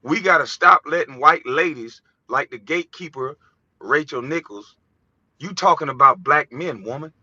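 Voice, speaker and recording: Heated, bright-voiced man on a rant. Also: a little high, expressive, moderate pace, husky, no echo. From United States. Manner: heated, ranting, profane, preachy. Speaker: vlogger. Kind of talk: impassioned monologue. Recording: dull, dry lo-fi recording.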